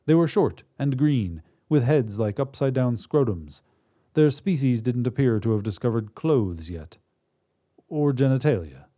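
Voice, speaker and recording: A man narrating a comic story in a wry, deadpan way. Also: mid-range voice, a little slow.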